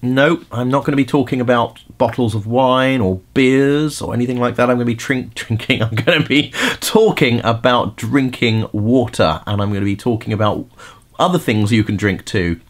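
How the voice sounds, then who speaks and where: Speaking at normal speed in a mid-range voice, a middle-aged podcast host who works as a vocal coach shares casual advice on using the voice, his chatty talk full of fillers and restarts.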